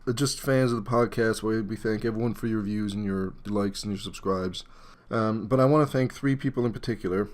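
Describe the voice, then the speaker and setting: A man's voice: on the low side, brisk, few pauses. Rambling young man hosting a podcast. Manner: rambling, hesitant, with many fillers. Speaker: podcast co-host. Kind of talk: casual podcast chat.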